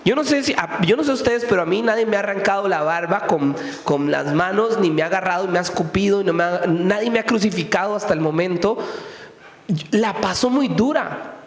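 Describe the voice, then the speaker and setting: Pastor, male, high voice, chatty sermon full of rhetorical questions, roomy reverberant hall. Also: brisk. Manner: conversational preaching with frequent rhetorical questions. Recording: echoey hall with long reverb.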